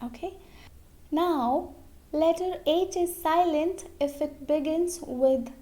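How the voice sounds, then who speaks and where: A woman with a fairly high, mellow voice teaches English pronunciation at a very slow, deliberate pace. She repeats each example word and checks in with a frequent okay. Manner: slow, repeats words, says okay often. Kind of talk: slow explanatory lesson.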